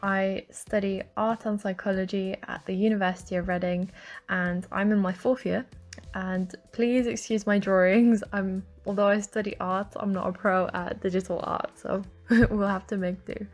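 Gravelly-voiced young woman student narrating. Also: mid-range voice, fairly even intonation, normal speed. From Lithuania. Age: 20s. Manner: friendly, earnest, encouraging. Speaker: university student. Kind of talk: scripted voice-over narration.

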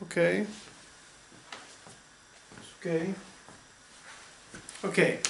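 A Vietnamese cooking channel host in his thirties gives a casual cooking lesson in his home kitchen, halting as he searches for English words. His voice sits high, steady, and creaky. A camera mic, often at arm's length or across the room, picks up an echoey kitchen with faint noise.

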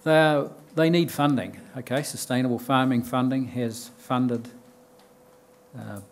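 A man's voice: medium pitch, steady tone, a little slow. Older New Zealand man giving a talk. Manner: plain, explanatory, with frequent ums and restarts. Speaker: conference speaker. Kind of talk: conference talk. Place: lecture room with bookshelves and audience. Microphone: podium mic.

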